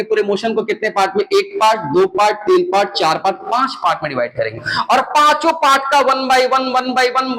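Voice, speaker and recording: A man teaching a physics lecture, animated, often repeating himself and asking his students questions. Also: sits high, a little hiss or hum, poor audio. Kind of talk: classroom lecture.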